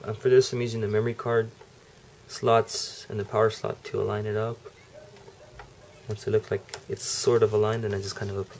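A man's voice: fairly low pitch, creaky, a little mellow. A man in a casual how-to vlog, laid-back, swearing casually and thinking aloud as he works. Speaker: vlogger. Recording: noisy home recording.

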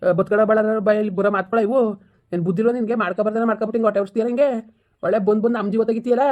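A man plays a stern but caring village elder. He lectures at a rapid clip in a fairly high, dark and flat voice. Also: dull audio, natural voice. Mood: scolding. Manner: scolding, lecturing, then soothing. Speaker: elder villager in a comedy skit.

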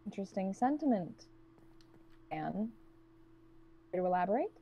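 A woman playing a cold, guarded woman trapped with strangers, who speaks in a blunt, cutting monotone. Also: mid-range voice, moderate pace, dull audio, slight background noise.

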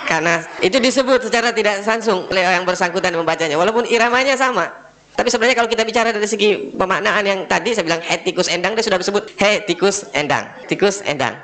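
A male religious teacher guiding a group through prayer recitation, switching between slow drawn-out chanting and quick explanations. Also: sits high, sharp tone. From Indonesia. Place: study gathering hall.

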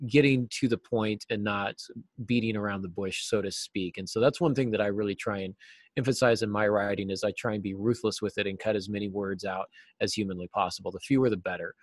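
A lowish voice, fairly even in intonation and a little fast, comes from a middle-aged American interview guest from the United States. He's a novelist and teacher talking casually and thoughtfully on a video call from a small, cluttered indoor office, with no room sound.

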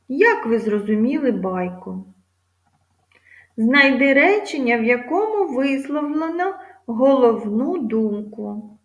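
A woman teacher reading a fable aloud with slow, careful articulation, then guiding pupils through word stress and questions. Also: a little high. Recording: echoey room.

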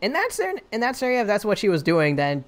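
A woman's voice: mid-range voice, wildly swooping pitch, fast talker. A woman streamer giving giggly, rambling game commentary. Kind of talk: game commentary while voicing characters.

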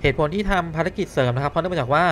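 A man's voice: fairly high pitch, rapid-fire, a bit bright. A man giving casual, polite step-by-step commentary on a game walkthrough. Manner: chatty, explains each step politely. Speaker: gameplay commentator. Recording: game sound behind the voice. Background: game sounds and engine noise.

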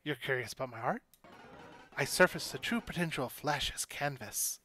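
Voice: mid-range voice, animated, normal speed, bright, forceful tone, soft background music, pitched below the performer's own voice. A streamer voicing a pompous, frustrated skeleton artist from a video game, with theatrical delivery. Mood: proud, grandiose.

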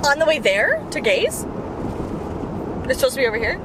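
A young woman vlogging and driving on a road trip with her cousins, loud and playful, talking in a car to a dashboard camera. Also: high voice, wildly swooping pitch, moderate pace, very noisy. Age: young adult. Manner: loud, laughing, playful teasing. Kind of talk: casual chat. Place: inside a moving car.

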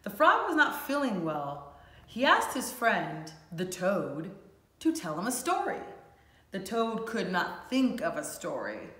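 Woman voicing Frog, a lively storybook frog. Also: medium pitch, slow pace, heavily acted. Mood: storytelling. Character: friendly, curious frog friend from storybook. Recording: echoey room.

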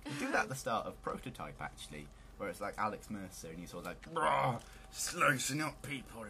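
A man's voice: sits low, animated, fast, pushed and bright, slight background noise. A man hosting a let's play, giving casual, joking commentary on a video game.

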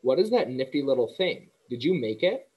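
An eager, innocent young pig asking questions with earnest wonder, played by a man reading aloud. The voice is soft and a little breathy. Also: mid-range voice, sing-song, moderate pace, highs cut off.

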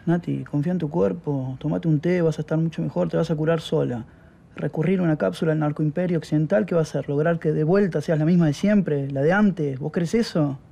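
A gravelly, preachy new-age healer. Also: male voice, fairly high pitch, mellow. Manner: preachy, slow, sermonizing.

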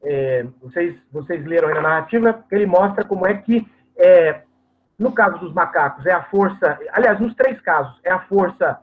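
A man's voice: sits high, expressive, moderate pace. A man lecturing over a video call, explaining patiently with many hesitations and fillers. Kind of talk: academic lecture. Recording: tinny phone-like video call audio.

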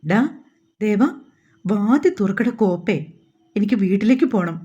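A woman's voice: mid-range voice, a little slow, warm tone, breathy edge, lo-fi sound. A woman reading a hot-tempered cursing young man. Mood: angry.

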